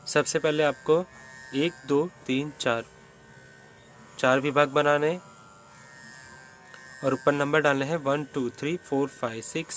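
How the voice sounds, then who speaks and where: A man's voice: mid-range voice, a bit bright, slight background noise. A man teaching a step-by-step rhythm lesson, patiently counting beats and reciting the syllables of each one. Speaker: music teacher.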